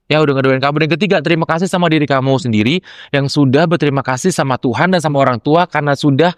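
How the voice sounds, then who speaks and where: A young adult man, a lecturer telling classroom stories in casual chat, acting out quoted lines with animated jumps in pitch. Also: very fast, dry recording. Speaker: lecturer and podcast guest.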